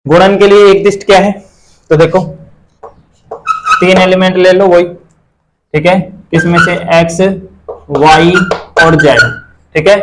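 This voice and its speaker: A man's voice: on the high side, noisy background. A man teaching a math class, asking and answering his own questions and repeating the key terms.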